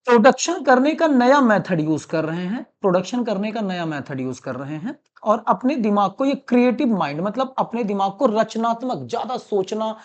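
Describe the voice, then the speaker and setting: A man's voice: sits high, very animated, moderate pace, hardly any pauses, muffled recording. Repetitive male teacher lecturing students. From Allahabad, India. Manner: repeats points and calls students "beta"; mixes English terms into Hindi explanations. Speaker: commerce teacher. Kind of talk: classroom-style lecture.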